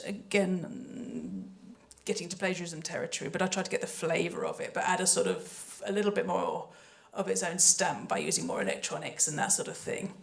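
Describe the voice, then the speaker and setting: On a panel about creative work, a composer and sound designer speaks in a lowish, creaky voice. Her manner is chatty and hesitant, and she frequently cuts herself off mid-thought.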